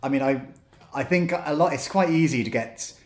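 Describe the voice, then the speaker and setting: A man co-hosting a casual podcast discussion, haltingly rephrasing as he thinks aloud. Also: on the high side. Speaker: podcast co-host. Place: studio. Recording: roomy, echoing studio sound.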